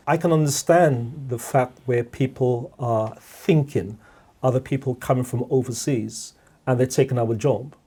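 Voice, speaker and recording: Reflecting as a podcast guest, a middle-aged Guyanese man speaks in a measured way, often repeating words and checking in with "all right?". His mid-range voice has a dark, slightly rough tone.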